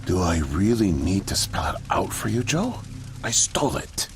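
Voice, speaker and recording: A gravelly old spy janitor, very deep. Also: male voice, sing-song. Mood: weary. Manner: slow, low confessional delivery. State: weak and thirsty. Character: old male janitor revealed as Soviet spy, weary. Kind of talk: video game voice acting. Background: game music.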